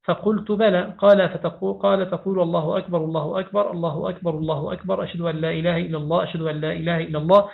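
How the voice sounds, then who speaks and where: A man reading hadith texts aloud, reciting chains of narrators quickly with small slips and restarts. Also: high-pitched, vocal fry. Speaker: hadith reader. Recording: tinny phone-like sound.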